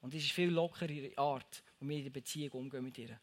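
A man's voice: medium pitch, steady tone, fast. Man giving casual devotional talk. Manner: addresses the listener directly, repeats phrases. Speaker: devotional speaker.

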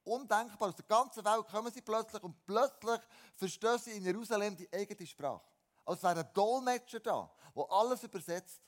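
A man preaching a sermon, animated, with repeated words and restarted phrases, swinging between emphatic lines and quiet ones. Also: high-pitched, normal speed.

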